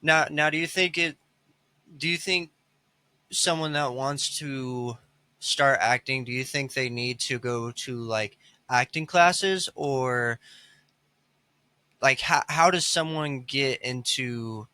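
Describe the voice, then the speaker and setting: A man hosting a podcast who asks long, halting questions and often restarts them. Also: medium pitch, bright, forceful tone, no echo. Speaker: podcast host. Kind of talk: interview questions.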